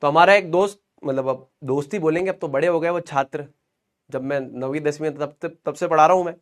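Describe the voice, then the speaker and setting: A young man teaching a lesson in a lively, joking way, repeating questions and answers to drill them in. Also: on the high side, a little fast. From Rajasthan, India. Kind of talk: explanatory lesson.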